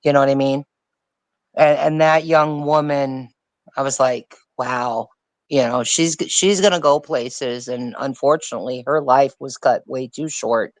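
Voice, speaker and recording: Speaking at a measured pace in a bass voice with fairly even intonation, a woman appears as a guest on a live-streamed panel, pressing her strong opinions about music and going over her points again. There's no echo.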